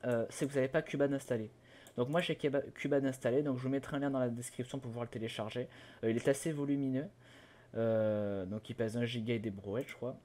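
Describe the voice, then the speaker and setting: A young man talks a viewer through steps on his computer in a casual, halting way. He stumbles, restarts and fills pauses as he goes, at an ordinary pitch for a man. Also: a little mellow. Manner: hesitant, many fillers and restarts, loses his words. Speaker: tutorial host. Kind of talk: casual screen-recorded tutorial.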